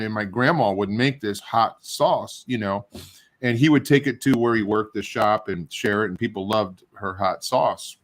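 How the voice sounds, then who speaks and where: A middle-aged man hosting a casual chat while he tastes hot sauce. He rambles in a halting, self-deprecating way, and his nose is running. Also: on the low side, a bit bright. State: runny nose. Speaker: show host.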